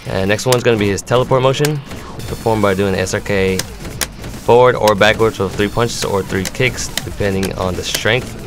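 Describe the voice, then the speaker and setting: Speaking at a normal speed in a lowish voice, this man breaks down fighting game moves step by step. The competitive gamer's instructional commentary has music running in the background.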